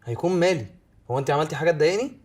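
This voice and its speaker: An actor playing a sulking young husband with an Egyptian accent, passive-aggressive in a comedy series. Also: male voice, fairly high pitch, expressive, racing, a little mellow, close to an everyday voice. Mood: sulky. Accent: Egyptian Arabic.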